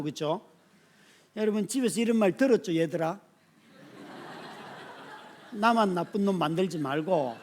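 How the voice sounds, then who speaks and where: A male pastor in his fifties giving a sermon with lively storytelling, dropping to quiet asides and rising to sudden shouts, often turning to ask the congregation "right?". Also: high-pitched. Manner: speaks to the congregation directly, often asking "right?".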